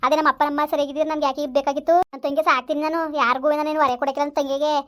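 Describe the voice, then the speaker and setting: A woman's voice: sits high, flat delivery, rapid-fire, a bit bright. A woman playing a bitter young woman raising her younger sister, complaining in a resentful rush, in a village family skit.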